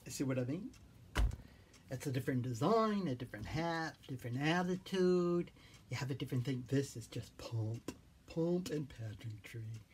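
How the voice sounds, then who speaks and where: A clown giving an informal, playful and theatrical demonstration in a silly, whimsical, rambling way, with a husky voice and repeated phrases. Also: medium pitch, animated, normal speed, darkish tone, a little hiss or hum. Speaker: clown teaching wig and costume styling.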